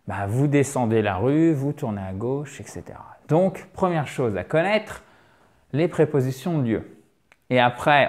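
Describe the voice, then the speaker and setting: Man, video teacher, a touch high, encouraging, repeats words slowly for practice. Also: a little mellow. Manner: frequent "ok?" check-ins. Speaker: English teacher. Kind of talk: online lesson.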